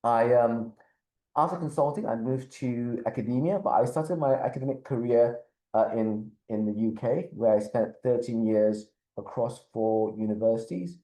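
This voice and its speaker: A middle-aged man from Malaysia, a business school dean, giving a measured webinar talk and often repeating words as he thinks. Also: medium pitch, dark tone, roomy sound, rough recording. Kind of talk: webinar presentation.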